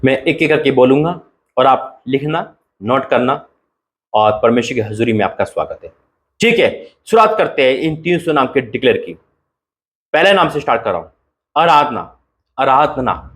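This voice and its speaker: A man's voice: medium pitch, lively intonation, moderate pace. A man preaching as a pastor in a fervent, declaring manner. He prays and proclaims. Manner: fervent, declaring, mixes English words. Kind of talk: sermon and prophetic declaration.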